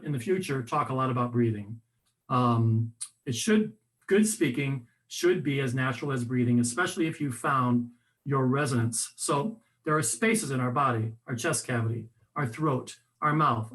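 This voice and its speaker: A man presenting a voice workshop in a conversational, instructive way, often restarting his sentences. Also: mid-range voice. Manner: conversational, animated, with frequent restarts and fillers.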